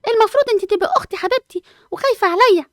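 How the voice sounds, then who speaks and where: A woman's voice: extremely high pitch, rapid-fire, dry recording, studio quality. A woman voicing a whiny, lazy schoolgirl twin with an Egyptian accent. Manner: whiny, complaining.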